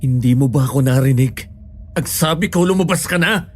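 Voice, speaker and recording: A man's voice: medium pitch, moderate pace, lightly acted. An actor playing a bitter, short-tempered wealthy man who snaps and gives orders. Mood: angry. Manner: gruff, irritable, snapping. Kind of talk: audio drama acting.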